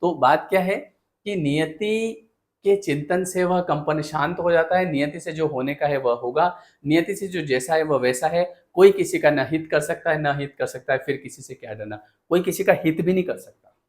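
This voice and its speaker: A man's voice: fairly high pitch, moderate pace. Earnest man giving a motivational talk. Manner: earnest, asks rhetorical questions and addresses listeners directly. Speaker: motivational speaker and counsellor.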